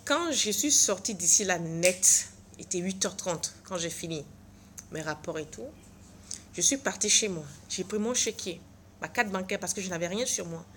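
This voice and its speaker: A woman's voice: on the low side, expressive, normal speed, fairly bright tone. Tired middle-aged woman vlogger, dramatic storyteller who acts out the dialogue, faint noise behind. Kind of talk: animated storytelling vlog. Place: at her workplace.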